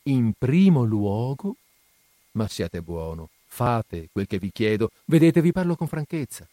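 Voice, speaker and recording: A man's voice: mid-range voice, sing-song, a little slow, warm tone, no room sound. A man voicing an earnest, guarded young woman in an audiobook reading, speaking in a pleading, candid way.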